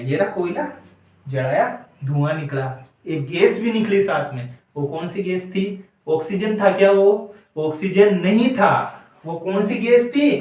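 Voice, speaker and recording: A high-pitched man teaches a class, firing questions and answering them himself. His voice rings around a very echoey room. He stands well back from the mic. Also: darkish tone, far from the mic, slight background noise. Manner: quizzes students, answers his own questions. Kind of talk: classroom lecture with call-and-response.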